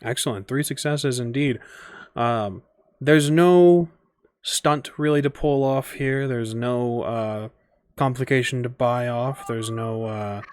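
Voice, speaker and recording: A man running a tabletop game speaks at a middle pitch, narrating loosely and thinking aloud with frequent fillers. His voice is close to a desk mic in a dry room. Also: takes it slowly, darkish tone, clear, resonant tone, no room sound. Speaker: game master.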